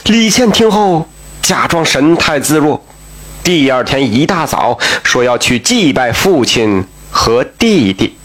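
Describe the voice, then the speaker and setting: A man's voice: mid-range voice, big pitch swings, slow, a bit bright. A man telling a folk tale in a chatty, colloquial way, with asides and exclamations. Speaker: storyteller.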